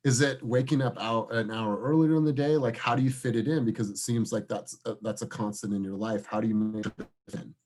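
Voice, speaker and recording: A man's voice: mid-range voice, fairly even intonation, brisk, hardly any pauses, a little mellow. A man leading a casual team meeting over a video call, calling on people by name and encouraging them. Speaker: team leader. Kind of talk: casual group meeting chat.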